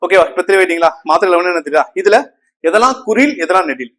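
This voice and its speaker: Higher-voiced man teaching a class. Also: expressive, very fast, fairly bright tone. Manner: asks the class frequent checking questions; repeats terms and counts on fingers. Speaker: Tamil grammar teacher. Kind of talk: classroom grammar lesson.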